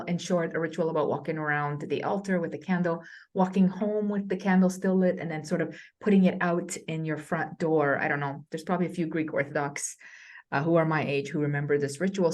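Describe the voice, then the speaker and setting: A woman from Romania, appearing as a scholar guest, with a somewhat low voice for a woman. She tells her stories conversationally, stopping to restart and filling gaps with ums. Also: darkish tone. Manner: hesitant, with many fillers and restarts. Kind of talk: conversational storytelling.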